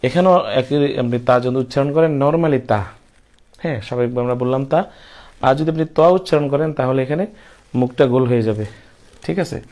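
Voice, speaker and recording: A man's voice: medium pitch, fairly quick, pauses often, a little mellow. A man teaching Quran letter pronunciation in a patient, step-by-step lesson, repeating each syllable in drills.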